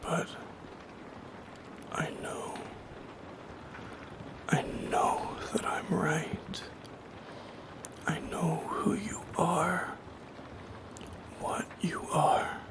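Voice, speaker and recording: A man whispers as a yearning, solitary shadow being in gentle ASMR roleplay, his delivery poetic, slow to come out and grave, with breathiness and creak. The voice leans high, and the feeling is earnest and tender.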